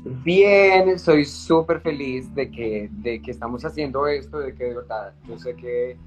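A man's voice: medium pitch, measured pace, soft background music. A man hosting a live-stream conversation, effusive, repeating words for emphasis. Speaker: host, professional ballet dancer.

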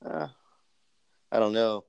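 A man's voice: fairly low pitch, monotone, slow pace, gravelly, darkish tone, clean tone, no room sound, highs cut off. A man hosting a podcast interview, polite and formal, with many ums, calling his guest sir. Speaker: host, military doctoral student interviewer. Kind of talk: casual interview, recorded podcast segment.

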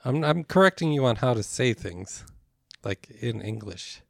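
A man's voice: medium pitch, lively intonation, normal speed, gravelly, no echo. A man raised in Wisconsin after being born in Texas, co-hosting a podcast in a dry, matter-of-fact way. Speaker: podcast co-host. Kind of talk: casual chat.

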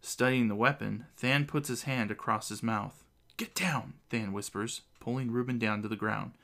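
A man narrating a fantasy story for an audiobook, telling it in an even way. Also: fairly low pitch, normal speed, creaky.

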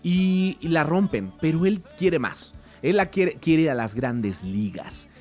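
A man with a Mexican accent retelling a film in an animated, chatty way, full of fillers. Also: on the high side, slow pace, soft background music. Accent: Mexican Spanish. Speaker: film commentator.

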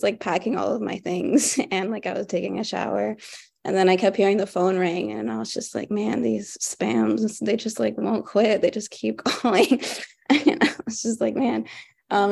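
A woman's voice: mid-range voice, vocal fry, darkish tone. A young woman, an author on a panel, telling a story casually with frequent laughs and fillers. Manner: chatty, laughs often, many fillers. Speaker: award-winning author, panel guest.

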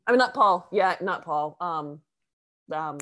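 A young adult woman co-hosting a podcast in casual, animated chat, swearing and laughing easily. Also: fairly low pitch, unhurried, crowd noise. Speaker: podcast co-host.

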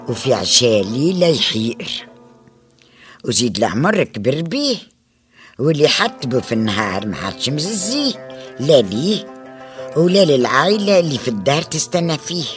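Tunisian grandma storyteller, Arabic folk-tale narration, chatty, swooping intonation, faint music behind. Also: female voice, rumbling low. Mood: chatty, inviting. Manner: colloquial, chatty, dramatic storytelling. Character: folksy grandmother storyteller, Mama Rafia, addressing children.

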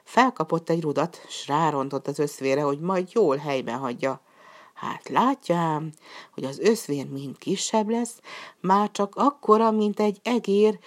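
Low-voiced woman reading a folk tale. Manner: calm storybook reading, voicing characters' lines with raised pitch. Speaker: storyteller. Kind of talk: scripted folk tale narration.

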